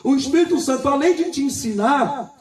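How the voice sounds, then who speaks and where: Male preacher, high voice, repetitive and emphatic, recorded roomy and from a distance. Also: lively intonation, a little mellow. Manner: repeats phrases, asks the congregation "Amém?"; reads scripture slowly and with emphasis. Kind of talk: sermon.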